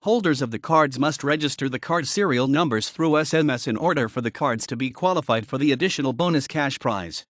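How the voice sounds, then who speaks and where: A man's voice: medium pitch, brisk, few pauses, fairly bright tone, no echo, clean studio sound. A man reading scripted informational narration aloud in a matter-of-fact, expository way. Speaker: narrator reading an encyclopedia article.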